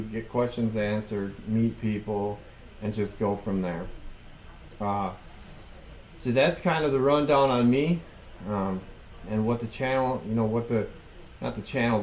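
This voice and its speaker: A man's voice: medium pitch, darkish tone, echoey room, slight background noise, rough recording. A man in his forties hosting his own show, talking casually to camera with lots of ums and restarts, on a headset mic. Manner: rambling, many ums and restarts. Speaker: podcast host. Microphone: headset with boom mic.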